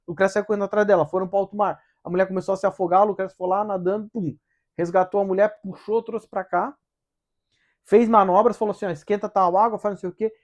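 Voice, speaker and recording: A man's voice: high voice, darkish tone. A man hosts a casual book study. He talks things through conversationally and keeps asking whether the listener follows. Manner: conversational, with frequent tag questions.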